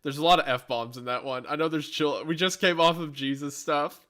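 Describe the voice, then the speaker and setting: A man's voice: fairly high pitch, fairly even intonation, normal speed, a bit bright. A man with a Southern US accent chatting casually on a live stream, rambling and self-mocking. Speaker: streamer and podcast host.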